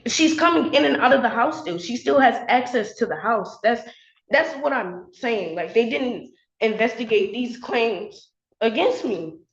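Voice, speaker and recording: A woman's voice: a little high, expressive, measured pace. A young woman, a college student, defending herself in court, upset and defensive, with many "like" fillers. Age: young adult. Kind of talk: emotional courtroom testimony. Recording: echoey, dull courtroom audio.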